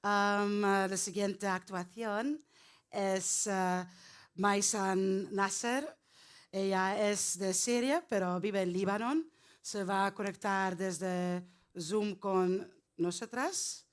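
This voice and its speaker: A woman hosting a poetry event, friendly and unhurried, with hesitant fillers as she speaks. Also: mid-range voice, steady tone, smooth. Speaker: event host.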